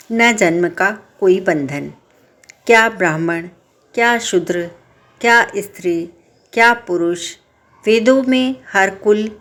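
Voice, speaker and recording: A woman narrating a scripted story in a slow, even storytelling manner. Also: medium pitch.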